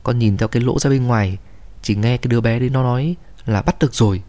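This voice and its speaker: A man's voice: medium pitch, fast, mellow, lightly acted. Man voicing a frightened tearful young woman. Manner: pleading, tearful.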